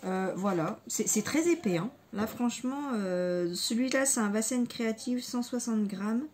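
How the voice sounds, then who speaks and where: A woman's voice: on the high side, a little slow, a little mellow, a little hiss or hum. A woman chatting casually in a haul video, hesitant with many fillers and repeated words, enthusiastic about her crafting materials. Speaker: scrapbooking vlogger.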